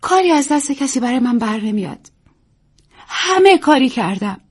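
A woman voicing a melodramatic, self-pitying aging stage actress who talks in drawn-out, sighing repetitions. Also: high-pitched, very animated, husky, pitched above the performer's own voice, exaggerated voice. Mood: dramatic, self-pitying.

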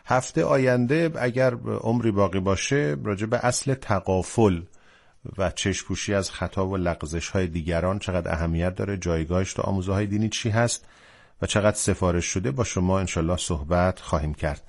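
Male radio host, very low voice. Polite, formal sign-off. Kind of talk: program sign-off.

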